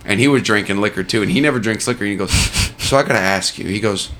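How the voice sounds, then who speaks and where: A man's voice: lowish voice, fast. Young man telling a story with faint hiss. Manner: animated storyteller acting out other people's voices. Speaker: podcast co-host. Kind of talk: casual chat, storytelling.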